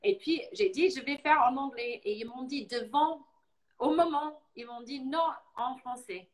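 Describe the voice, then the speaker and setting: A woman from Boston with an American English accent, talking casually as a guest and telling stories in lively fashion, slipping into English now and then. English is her first language. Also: sits high, unhurried, low-quality recording. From Boston, United States. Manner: animated storyteller, mixing in English words. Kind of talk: casual live talk.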